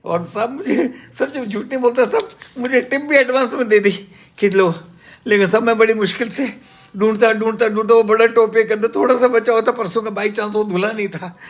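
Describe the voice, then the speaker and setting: A man's voice: high-pitched, fairly even intonation, brisk. A man voicing a young restaurant waiter who makes rambling, apologetic excuses. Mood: pleading.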